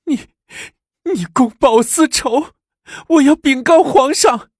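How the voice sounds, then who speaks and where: A man voicing a defiant, sharp-tongued young imperial consort who protests shrilly. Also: sing-song, moderate pace, husky, no echo, studio quality. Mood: wailing. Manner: shrill, indignant.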